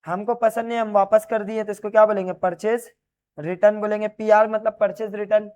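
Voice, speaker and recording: A man's voice: high voice, flat delivery, fairly quick, darkish tone, clean tone, lo-fi sound. A man gives a classroom lecture on commerce. He turns each key term into a question and answers it at once, and keeps explaining as he writes on a board. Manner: repeats key terms as questions and answers them; explains while writing on a board. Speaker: commerce teacher.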